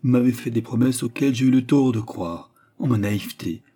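A man's voice: medium pitch, a little fast, mellow, slightly rough, pitched above the performer's own voice, lightly acted. A man reading aloud and voicing a scheming young widow who feigns distress in a dramatic, pleading way.

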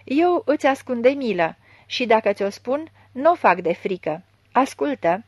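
A woman's voice: on the high side, big pitch swings, no echo. A woman reading a grumbling convict fortune-teller. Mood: grim. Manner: grumbling, curt. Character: gruff fortune-telling healer man, a convict.

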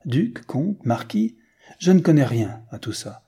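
A frank, earnest American suitor with a mellow, slightly husky voice, read by a man. He speaks plainly and insistently, in an audiobook reading. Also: medium pitch, sing-song, a little slow, heavily acted. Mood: indignant. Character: rich American man seeking a bride.

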